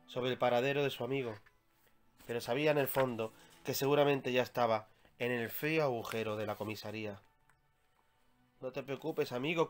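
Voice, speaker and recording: A man from Spain reading aloud his own children's story, with measured, expressive storytelling. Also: medium pitch.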